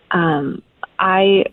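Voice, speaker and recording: A woman's voice: lowish voice, slight background noise. Woman on a tinny phone line. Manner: hesitant, guarded. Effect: heard over a phone line on speakerphone. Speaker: radio call recipient.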